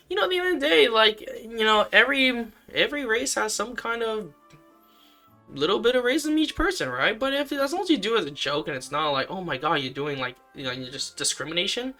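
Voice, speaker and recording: Bright-voiced man rambling in a vlog. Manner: rambling, with many fillers and sudden upward swings in pitch. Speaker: vlogger. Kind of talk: casual commentary vlog.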